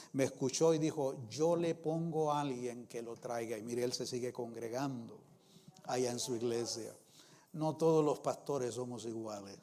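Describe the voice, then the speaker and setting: A man's voice: mid-range voice, mellow. A middle-aged male pastor preaching a sermon in a church, with emphatic rising phrases and constant asides to the congregation. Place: church sanctuary.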